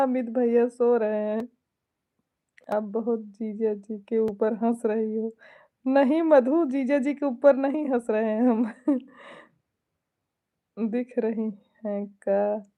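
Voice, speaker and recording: A folk singer from India's Awadh region chats casually on a live stream, her Hindi tinged with an Awadhi accent. She reads viewer comments aloud, chuckles often and trades devotional greetings. Her voice is fairly high and narrow, and the audio is tinny.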